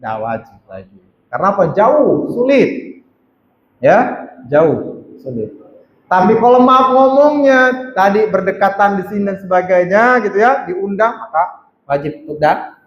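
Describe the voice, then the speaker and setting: Man, religious teacher, chatty lecture, high voice, roomy mosque echo. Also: animated, measured pace, lo-fi sound. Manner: conversational, keeps checking with the audience. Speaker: ustadz teaching a weekly study circle. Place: mosque hall. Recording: echoey mosque hall.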